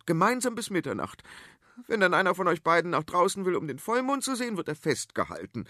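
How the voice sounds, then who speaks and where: A man voicing a shrill, bossy, dramatic queen in a storybook. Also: pushed and bright, dry recording, studio quality, exaggerated voice. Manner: shrieking, scolding.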